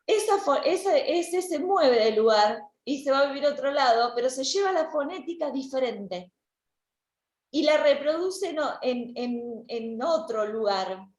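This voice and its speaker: This woman's high, expressive voice is a little slow and a little mellow, with a reverberant sound. She's a language teacher lecturing online, working through explanations step by step with many restarts and repeated words.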